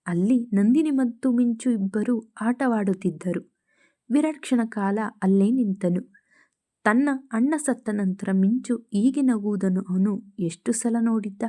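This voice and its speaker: Mellow-voiced woman narrating a story. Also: on the high side. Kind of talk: scripted narration of an audio story.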